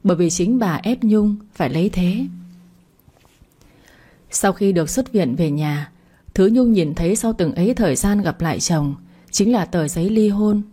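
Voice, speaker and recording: A woman narrating a dramatic family story in a steady, earnest storytelling manner. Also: medium pitch, moderate pace, husky.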